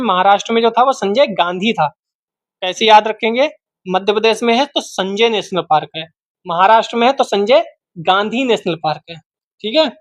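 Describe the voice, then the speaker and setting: In a dull, dry, lo-fi recording made at home, a man runs through exam-prep geography, saying each name over and over and testing the listener as he goes. His voice sits high and sounds a bit bright.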